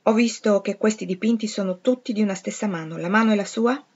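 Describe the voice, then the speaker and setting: A woman voicing a brusque, commanding middle-aged gentleman who fires off curt, imperious questions. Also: medium pitch, quick pace, slightly rough, lightly acted. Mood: probing. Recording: slightly dull lo-fi recording.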